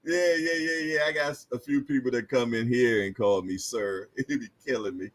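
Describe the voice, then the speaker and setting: A medium-pitched man in his 50s talks at a moderate pace while running a boxing livestream. He keeps things casual, reads viewers' comments aloud, laughs softly, and tosses around repeated slang-filled lines.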